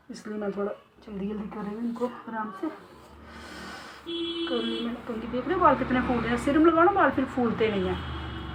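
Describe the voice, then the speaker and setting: A woman who runs a beauty salon, chatting casually in a vlog and talking straight to her viewers and her pet parrot. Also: on the high side. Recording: clear background noise.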